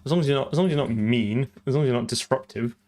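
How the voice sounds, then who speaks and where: A man's voice: mid-range voice, rapid-fire, a little mellow. A man live-streaming his programming, talking through code and answering chat, often trailing off and repeating words.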